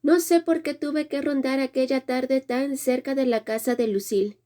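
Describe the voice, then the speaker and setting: A woman narrating a romance audiobook in the first person with a measured, dramatic reading. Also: sits high, fairly even intonation, mellow.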